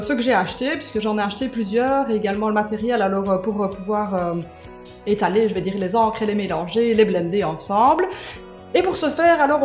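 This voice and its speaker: A woman hosting a coloring craft video, chatting casually with many fillers and joking at herself. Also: fairly high pitch. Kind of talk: casual coloring tutorial chat.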